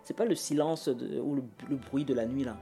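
A woman's voice: a bass voice, brisk, dark tone. A woman from France hosting a solo podcast, talking to herself at home at night in a chatty, self-mocking ramble full of restarts and fillers, recorded on a portable recorder. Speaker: podcast host. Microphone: portable audio recorder. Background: faint classical music.

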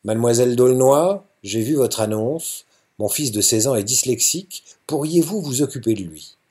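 A man voicing a stern, middle-aged wealthy father who speaks briskly and peremptorily in a storybook reading. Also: mid-range voice, expressive, warm tone, breathy edge. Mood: authoritative.

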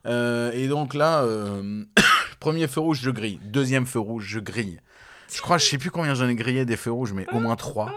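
A young man in casual chat with a friend, telling a story in an animated, slangy way and laughing often. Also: medium pitch, normal speed.

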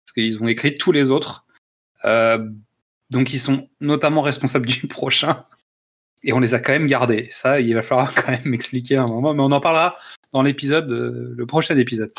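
A man's voice: medium pitch, fairly even intonation, moderate pace, a bit bright. A man hosting a casual film podcast, joking, laughing and reading out summaries. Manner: jokey, laughs often, reads summaries aloud. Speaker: podcast host.

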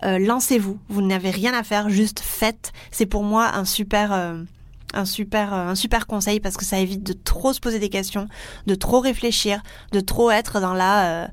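A young woman with a French accent talks straight to her listeners in a solo podcast, earnest and encouraging, often stopping to restart a phrase. Her voice sits in a middle pitch range and is recorded dry and close, with no room around it. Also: steady tone, normal speed, dry recording. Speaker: podcast host and teacher trainer.

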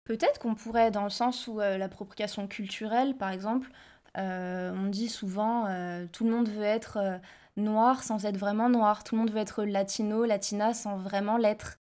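Animated woman guest, chatty and hesitant. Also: mid-range voice, moderate pace, smooth. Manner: animated, many fillers. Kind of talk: casual interview talk.

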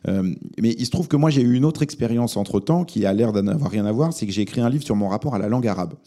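A man born in Lebanon speaks in a low, very dark voice. He is a journalist giving thoughtful interview answers and often pauses to search for words. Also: lively intonation. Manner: thoughtful, many hesitations and fillers. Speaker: journalist and podcast host, guest here.

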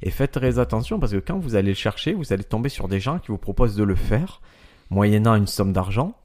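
A man's voice: lowish voice, lively intonation, fairly quick, darkish tone. A man from France co-hosting a casual podcast, giving practical travel tips with crude jokes. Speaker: podcast co-host.

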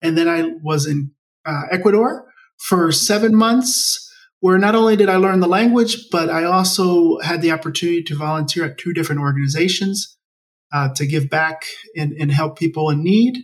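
This interview guest, a Maryland man in his forties who leads a nonprofit project, has a slightly high voice and a moderate pace. He shares his own story in a conversational way, sounding distant from the microphone.

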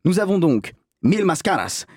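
A man's voice: high voice, very animated, normal speed, darkish tone, husky, no room sound, clean studio sound. A man delivering a film review column in a hammy, mock-dramatic comic style.

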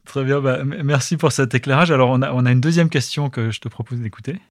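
A man's voice: mid-range voice, fast talker, no room sound, clean studio sound. A man hosting an interview podcast, giving short replies and laughing along with his guest. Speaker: podcast host.

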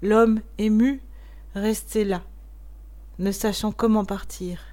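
A woman narrating a classic tale in a measured, expressive storytelling voice. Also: medium pitch. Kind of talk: audiobook reading of a classic tale.

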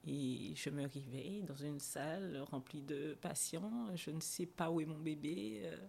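A young woman with a somewhat low voice speaks as a podcast guest about something she lived through. She hesitates often, restarting phrases and filling pauses. Her telling is emotional and candid. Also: gravelly, darkish tone, slightly rough. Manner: hesitant, frequent fillers and restarts; emotional recounting. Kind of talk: personal storytelling in a podcast interview.

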